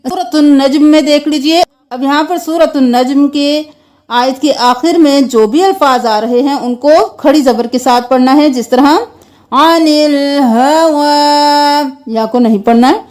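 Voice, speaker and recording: A woman teaching Quran recitation. She spells out each word for learners, then chants it slowly and draws out the vowels, and switches to quick explanation in between. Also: high-pitched, darkish tone.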